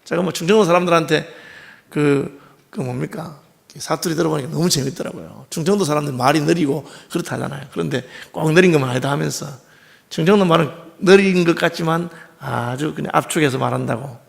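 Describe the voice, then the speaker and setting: High, gravelly Gyeongsang pastor preaching. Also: male voice, a little fast. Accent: Gyeongsang Korean. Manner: conversational preaching with frequent rhetorical questions to the congregation. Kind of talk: sermon. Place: church sanctuary.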